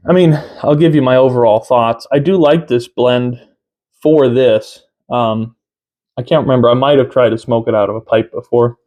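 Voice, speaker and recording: A man in his thirties giving a casual review to camera, unhurried and halting, often pausing mid-sentence. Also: mid-range voice, a little mellow. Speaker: tobacco reviewer. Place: small room at home, indoors.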